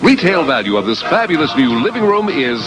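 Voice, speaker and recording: A man working as a game show announcer, reading scripted prize copy in a booming, emphatic delivery. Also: big pitch swings, brisk. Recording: TV broadcast, loud music underneath. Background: loud music.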